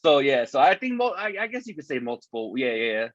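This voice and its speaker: A man's voice: mid-range voice, big pitch swings, fast, dry recording. Tinny-sounding man rambling on a podcast. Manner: rambling, heavy cursing and fillers. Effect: tinny sound from earbud microphone. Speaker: podcast co-host. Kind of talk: casual chat. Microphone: wireless earbuds as microphone. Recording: dull lo-fi earbud mic, dry.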